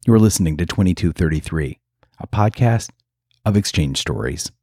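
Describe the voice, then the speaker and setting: A man reading a scripted podcast introduction with measured, dramatic emphasis. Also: low-pitched, animated, darkish tone, no room sound, clean studio sound. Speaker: podcast host.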